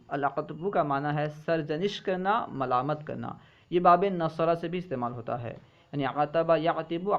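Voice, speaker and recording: A man teaching a lesson, reading each word with its meaning and then repeating both in a steady drill. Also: fairly high pitch. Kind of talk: reading a vocabulary list aloud with meanings. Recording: dull, muffled lo-fi recording.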